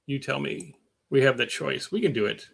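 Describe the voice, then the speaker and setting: A man's voice: medium pitch, normal speed, gravelly, a bit bright. Rambling man hosting a live stream. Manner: rambling, self-mocking, many fillers. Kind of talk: casual live-stream chat, reading viewer comments.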